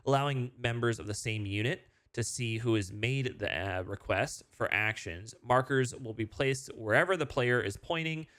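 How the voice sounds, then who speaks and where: A man's voice: medium pitch, fairly bright tone. A man casually reading game update notes aloud and reacting, with frequent fillers and restarts, sounding sleepy early in the morning. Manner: chatty, many fillers and restarts, reads aloud then reacts. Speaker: gaming video host.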